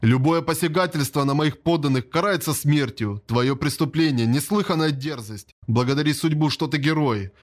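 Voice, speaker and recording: A man's voice: on the high side, normal speed, few pauses, close to an everyday voice. A man voicing a stern, haughty scheming king. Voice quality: stern, commanding. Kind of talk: audiobook character voice.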